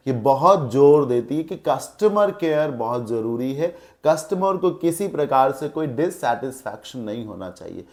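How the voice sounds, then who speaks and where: A male teacher, giving a grammar lesson and explaining slowly, leaning hard on key words. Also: mid-range voice, a little mellow. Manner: explains slowly in mixed Hindi and English, stressing words. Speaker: English teacher.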